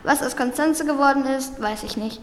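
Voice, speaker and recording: A woman's voice: sits high, normal speed. A woman carefully reading a diary-style story aloud, with small slips. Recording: roomy recording with long reverb and faint background noise.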